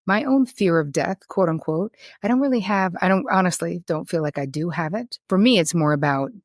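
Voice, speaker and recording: A woman's voice: lowish voice, expressive, fairly quick, no room sound, studio quality. A woman hosting a casual interview, talking candidly and informally, with some casual swearing. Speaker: interview host.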